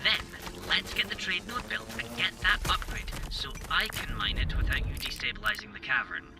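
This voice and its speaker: A cautious, fussy robot companion, with a gravelly creak to the voice. It speaks dryly and instructively, sounding a little distant under clear music. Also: mid-range voice, animated, normal speed. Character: wary, dry, fussy robot companion guiding an explorer. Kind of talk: video game voice acting.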